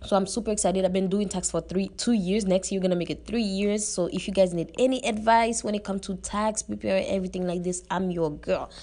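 A woman's voice: medium pitch, fairly even intonation, a little fast, hardly any pauses, mellow, no room sound. A woman in her twenties hosting her own podcast, talking casually and chattily in loose grammar and repeating herself. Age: 20s. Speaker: podcast host. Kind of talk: casual solo monologue. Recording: noisy background.

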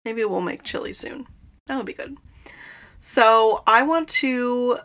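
Bright-voiced young woman chatting inside a closet. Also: fairly high pitch, slow. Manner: chatty and rambling, laughs often. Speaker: podcast host. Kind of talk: casual chat. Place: inside a small closet in a childhood bedroom.

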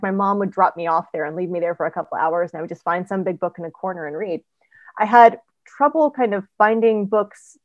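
A woman author chatting as a guest on a podcast interview, telling stories in an animated way with frequent ums. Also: on the low side, no room sound, dull audio. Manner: animated storyteller, quick asides, frequent ums. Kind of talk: casual interview chat.

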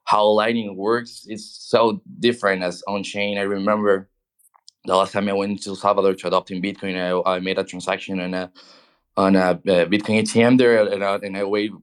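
Halting low-voiced man guest. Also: flat delivery. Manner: halting, repeats words, ends with "right?". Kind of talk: casual interview talk.

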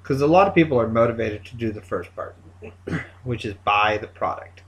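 A man chatting casually as a co-host, playful and quick to joke, with sudden jumps in pitch. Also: expressive, fairly bright tone, slight background noise. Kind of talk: casual chat.

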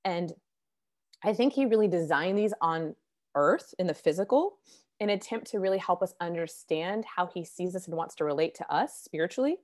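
A woman with a fairly low voice gives a devotional Bible teaching. She talks earnestly and casually, as if to friends. Her voice is a bit hoarse as it recovers, and she clears her throat now and then. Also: darkish tone.

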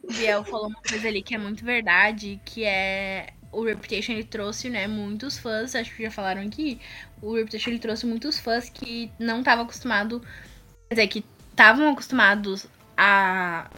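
Bright, effusive Brazilian woman host. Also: mid-range voice, steady tone, moderate pace. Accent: Brazilian Portuguese. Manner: effusive, enthusiastic. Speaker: podcast host. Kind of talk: casual chat.

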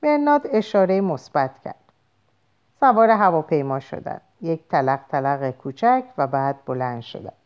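A woman narrating a novel aloud in a measured, expressive storytelling voice. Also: deep voice, clean tone. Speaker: audiobook narrator. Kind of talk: scripted narration.

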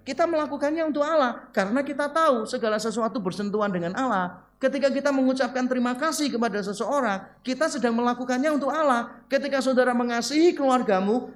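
A high-voiced male pastor delivering a sermon. He tells stories in a lively way, acts out bits of dialogue and laughs along, and keeps turning to the congregation as he speaks. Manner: animated storytelling with quoted dialogue and laughter; addresses listeners as "saudara".

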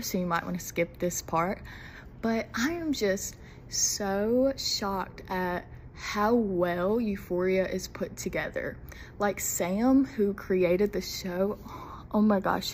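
A mid-range female voice is heard over slight background noise. The speaker is a young adult woman from Mississippi hosting her first podcast episode alone, casual, nervous, giggly and rambling.

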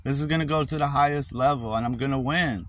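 A man's voice: medium pitch, fast talker, fairly bright tone. A man pleading with a case worker on a phone call, insistent and repeating her name. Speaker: father in a custody dispute.

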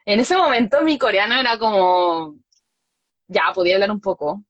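A woman's voice: mid-range voice, moderate pace, no room sound, highs cut off. A young Chilean woman chatting casually, telling a story with laughs and acted-out quotes. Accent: Chilean Spanish. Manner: animated, laughs often, acts out quoted lines.

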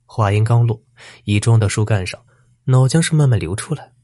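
A man narrating a dramatic folk tale in a plain, steady storytelling manner. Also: lowish voice, moderate pace, no echo, studio quality.

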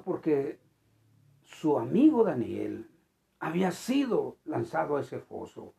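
Animated preacher with a gravelly voice. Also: medium pitch. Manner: animated, emphatic swings between loud and quiet; repeats and restarts phrases. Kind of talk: sermon.

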